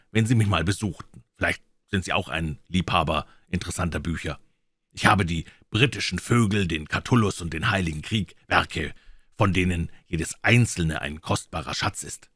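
A man reading an audiobook and voicing a fawning old male bookseller with a croaking voice. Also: low voice, a bit bright, dry recording, studio quality.

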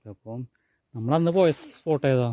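A man's voice: medium pitch, normal speed, mellow. A man with a northern Kerala Malabar accent, chatting casually as an exploration vlogger and dropping English words into his Malayalam. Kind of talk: casual exploration vlog talk. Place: outdoors on a hill and in a cave.

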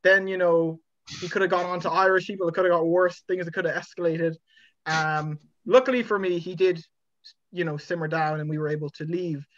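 Young man, fairly high voice, wry and easy, muffled video-call audio. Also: fairly even intonation, a little fast, a bit bright. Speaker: podcast co-host. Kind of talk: casual chat. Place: room at home.

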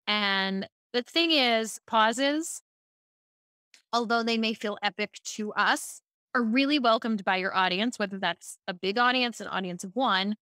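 A middle-aged woman speaking coach talks with high energy, racing through ideas and restarting sentences. Her voice is bright and forward. The recording is dry and close. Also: unhurried, smooth, dry recording. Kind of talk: podcast interview.

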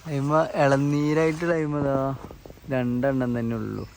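A man's voice: mid-range voice, unhurried, creaky. A man with a Malabar Malayalam accent narrating a casual family vlog, chatting and playfully teasing a small child. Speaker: family vlogger. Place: outdoors, moving between shops and home. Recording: noisy outdoor phone recording.

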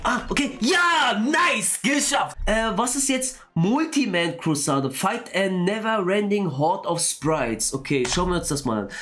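A young man giving excitable let's-play commentary, quick to exclaim and swear as he plays. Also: high voice, a little hiss or hum. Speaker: gaming YouTuber.

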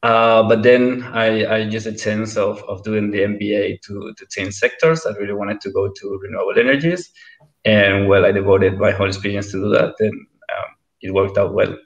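A man in his thirties with a fairly low voice talks hesitantly, often repeating words. He is recorded at home on a webcam, and the audio is roomy and dull. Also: steady tone, moderate pace. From Bilbao, Spain. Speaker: panel guest. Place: home room, indoors. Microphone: video call webcam.

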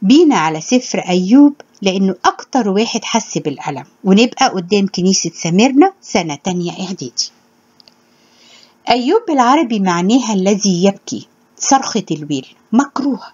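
A woman with an Egyptian Arabic accent preaches in an earnest, measured way, her voice a little husky and even in pitch. The recording is dull and lo-fi, its top end muffled. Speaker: religious teacher. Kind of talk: spoken sermon with scripture reading.

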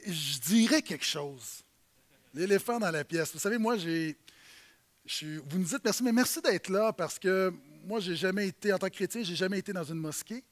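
A man with a Québécois accent, a church leader speaking to a congregation in a halting, warm way with many fillers. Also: high voice. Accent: Québécois French.

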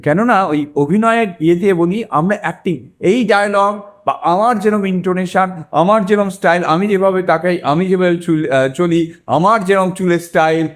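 A man's voice: sits high, normal speed, few pauses. A sixty-year-old man gives a reflective self-help talk as a mind coach, earnestly repeating phrases for emphasis. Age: 60s.

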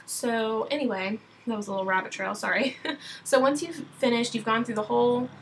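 A young woman, a wedding photographer, talking through a software tutorial over a screen recording in a casual, rambling way with many ums and restarts. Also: a little high, fairly even intonation, normal speed, a little hiss or hum, rough recording. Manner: chatty, many ums and restarts, self-correcting. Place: at her computer, screen recording.

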